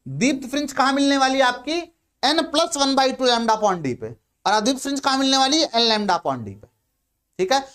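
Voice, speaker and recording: A man's voice: extremely high pitch, expressive, normal speed, a bit bright, smooth. A male physics teacher giving a lecture, who asks questions, answers them himself and repeats the key terms. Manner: repeats key terms and says "ठीक है" often. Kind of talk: blackboard lecture in Hindi.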